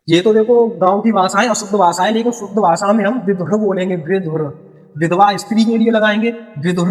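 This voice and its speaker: A young male teacher with a fairly high voice explains word meanings in a patient, repetitive way. He often asks a question and then answers it himself. His voice trails off into a long reverb. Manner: repeats key words and quizzes the viewer. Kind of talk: Hindi grammar lesson.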